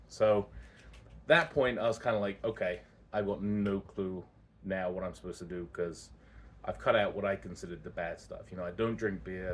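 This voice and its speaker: A man with a voice on the low side tells his own story as a vlogger, casual and candid. He rambles and often corrects himself along the way.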